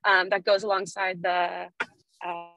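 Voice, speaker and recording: A woman's voice: fairly low pitch, level tone, vocal fry, fairly bright tone, dry recording. Woman, video call, glitchy breaking-up audio, hesitant, dry sound. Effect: glitchy breaking-up call audio, dropping out and slowing. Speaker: building owner presenting a mural site.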